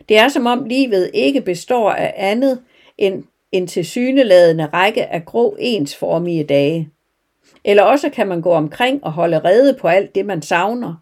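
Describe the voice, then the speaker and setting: Woman calmly reading a parable then reflecting on it, sermon style. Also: medium pitch. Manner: calm, measured reading. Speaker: devotional speaker. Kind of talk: storytelling sermon.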